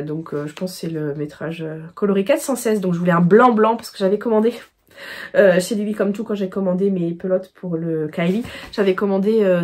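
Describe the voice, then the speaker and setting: A woman's voice: on the low side, a little mellow. A woman from France chatting casually about her knitting projects in her own vlog, rambling with many fillers and restarts. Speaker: knitting podcast host. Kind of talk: casual chat.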